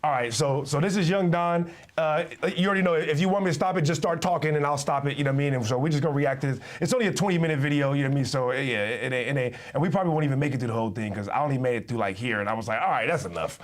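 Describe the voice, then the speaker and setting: A man in his thirties hosting a casual online chat over a video call, animated and full of slang and restarts. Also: fairly high pitch, racing, hardly any pauses. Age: 30s. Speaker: host.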